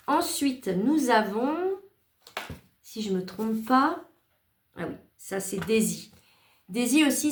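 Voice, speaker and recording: A woman hosting a craft channel, casually showing cards she was sent and thanking each maker in a chatty, grateful way with small hesitations. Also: mid-range voice. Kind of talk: casual show-and-tell of cards. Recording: echoey room.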